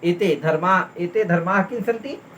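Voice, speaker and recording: A man's voice: high-pitched, unhurried, fairly bright tone, slight background noise. A man teaching a class, listing terms one by one and asking his students again and again whether they understood. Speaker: Sanskrit teacher. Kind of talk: classroom lesson, explaining a text.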